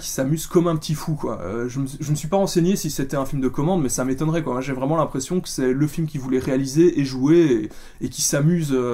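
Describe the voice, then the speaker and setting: A man's voice: mid-range voice, warm tone. A man giving a casual spoken film review, chatty and full of fillers and restarts. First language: French.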